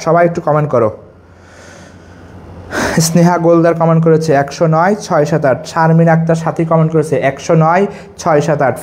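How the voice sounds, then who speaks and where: A man's voice: on the high side, darkish tone. A young man teaching a live online chemistry lesson, drilling facts over and over and reading out the names of students who comment. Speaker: chemistry tutor.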